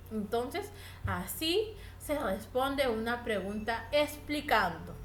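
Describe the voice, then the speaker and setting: Slow, clear-spoken woman teacher. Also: sits high, fairly bright tone. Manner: slow, clear, instructive, addresses students directly. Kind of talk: recorded reading lesson. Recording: echoey room with faint ambient noise.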